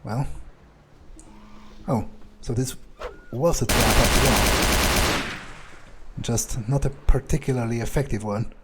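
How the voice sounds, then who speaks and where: Against a noisy background, a man speaks at medium pitch in a steady tone, slowly and with frequent pauses. As a video game player in character, he plays a cocky, jaded vampire outcast who mutters hesitantly to himself and swears.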